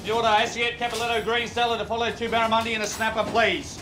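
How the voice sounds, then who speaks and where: A man's voice: very high-pitched, flat delivery, fast. A male head chef making kitchen order callouts in a brusque, commanding way. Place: busy restaurant kitchen. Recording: noisy working kitchen, clattering background.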